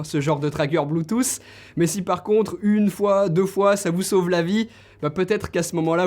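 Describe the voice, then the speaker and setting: This young man, a tech reviewer, speaks to his viewers casually and with direct enthusiasm as he suggests tech gifts on camera. His voice sits high and has a darkish tone.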